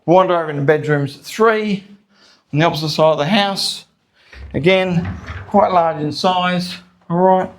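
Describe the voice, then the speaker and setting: A man's voice: sits high, measured pace. An Australian man, a real estate agent, gives an informal, salesy walkthrough of a property with folksy asides, his voice echoing in empty rooms. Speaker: real estate agent presenting a house tour. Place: empty house interior, walking between rooms.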